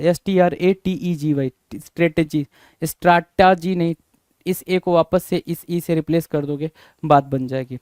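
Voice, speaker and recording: Man spelling words aloud, crisp voice. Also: fairly high pitch, a little mellow, dry recording. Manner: repeats questions to students and answers them. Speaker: teacher. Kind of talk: spelling lesson.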